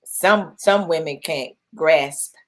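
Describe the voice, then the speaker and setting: A middle-aged woman with a low voice takes her time as she co-hosts a casual podcast chat. Talkative by nature, she tends to repeat herself and presses for answers with her questions.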